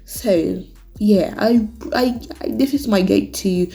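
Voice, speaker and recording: A woman gives a casual tutorial voice-over in a softly mellow voice at an average pitch. She puts on a British accent and switches clumsily, sliding into American here and there. Faint music plays behind her. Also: slow pace, creaky. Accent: put-on British, slipping into American. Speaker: nail tutorial host.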